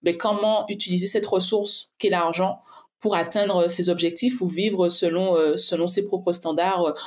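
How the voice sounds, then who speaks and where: A woman guest in a casual conversation, she's a finance coach with a lowish, darkish voice, a steady tone, and a moderate pace. She speaks pragmatically and reflectively, thinking aloud with many restarts and fillers.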